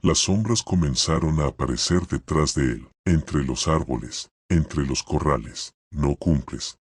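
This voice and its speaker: Super deep husky guy telling a horror story slow, dry close sound. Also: dry recording. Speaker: narrator. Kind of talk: scripted horror narration.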